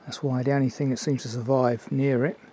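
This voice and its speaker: An older man giving a casual, unhurried, observational commentary as he films a walk outdoors. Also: medium pitch, little pitch movement, mellow, breathy edge. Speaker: hiking vlogger. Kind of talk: casual walking commentary to camera. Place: outdoors on woodland and mountain trail. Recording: outdoor ambient noise.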